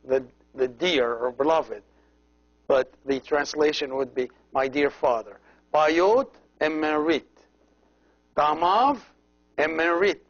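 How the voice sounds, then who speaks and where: A man teaching a language lesson as a priest, slowly repeating each word and explaining how every letter is pronounced. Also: a little high. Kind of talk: slow, patient language lesson. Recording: dull lo-fi recording.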